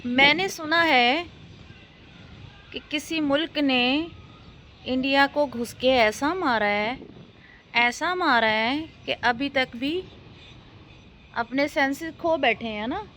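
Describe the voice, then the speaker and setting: A woman's voice: high voice, slow pace, pauses often, sharp tone, slight background noise. A young Pakistani woman with a Pakistani accent, vlogging outdoors in a casual, mocking, sarcastic way. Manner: mocking, sarcastic, teasing banter. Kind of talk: casual chatty vlog.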